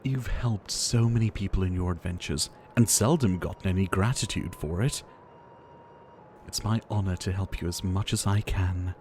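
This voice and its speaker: A man with a low voice acts out an ASMR scene as a gentle, ailing pharmacist doctor, lightly performed at normal speed. Soft-spoken and theatrical, he sighs through courteous, wistful phrases in an earnest, caring tone, with a little hiss or hum present.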